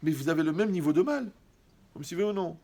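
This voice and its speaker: A man's voice: fairly high pitch, expressive, fast, dark tone. A man performing a stand-up comedy monologue, acting out dialogues with mocking asides.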